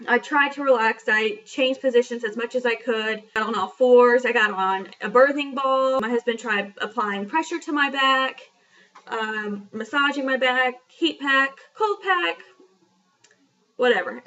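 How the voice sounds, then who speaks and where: Speaking unhurriedly in a slightly high, somewhat bright voice, a young woman shares a personal story on her casual vlog. She's chatty, candid and pokes fun at herself, using many fillers, and the audio is dull, lo-fi and distant.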